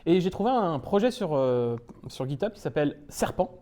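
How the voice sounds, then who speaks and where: Brief: man from France, young adult, meetup speaker, playful self-mocking humour, lively swoops in pitch. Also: normal speed. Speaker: conference speaker. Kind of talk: humorous tech talk to a live audience. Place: meetup talk room.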